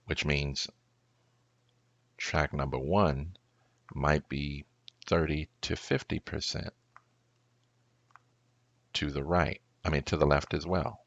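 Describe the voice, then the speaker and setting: A pastor talks through a recording tutorial in a very low, gravelly voice. He moves slowly and deliberately, thinking aloud as he goes. The sound is dry and slightly dull. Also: steady tone, no echo.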